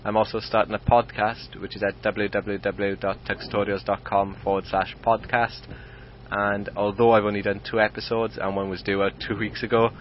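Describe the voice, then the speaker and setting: A man's voice: on the low side, level tone, normal speed. A man from Swansea with a Welsh accent, speaking an informal recorded message as a listener. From Swansea, Wales. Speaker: listener leaving a recorded comment. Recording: muffled lo-fi audio with faint noise.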